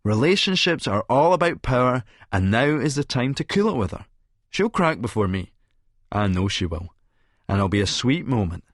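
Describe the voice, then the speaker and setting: A Scottish-accented male actor narrates an audiobook in the first person as a cynical, vain Edinburgh publican and schemer who is smugly self-satisfied, sardonic, wordy and calculating. His medium-pitched voice swings widely in pitch at a moderate pace, recorded dry with clean studio quality.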